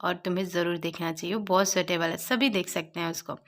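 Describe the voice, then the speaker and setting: A woman's voice: on the low side, fairly even intonation, fast talker, a bit bright, lightly acted. A woman voicing a bubbly, pushy young man who pleads in a whiny, childlike way. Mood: pleading.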